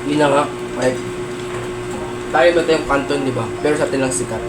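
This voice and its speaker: A man's voice: medium pitch, normal speed, reverberant, very noisy. A Filipino man chatting casually and bantering as a companion at a meal. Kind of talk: casual chat.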